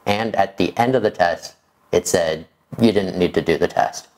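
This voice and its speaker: A man in his forties speaking in a measured, explanatory way to camera, as a video creator, in a room indoors. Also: deep voice, darkish tone. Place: small furnished room indoors.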